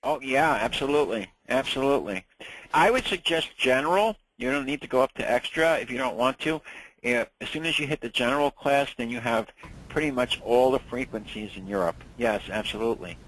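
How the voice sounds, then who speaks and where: A man's voice: mid-range voice, brisk, a bit bright, poor audio. A man in his sixties with a New York accent, teaching a ham radio licensing class in a chatty, storytelling way. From Long Island, New York. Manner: chatty, anecdotal, repeats words when restarting. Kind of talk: casual classroom lecture.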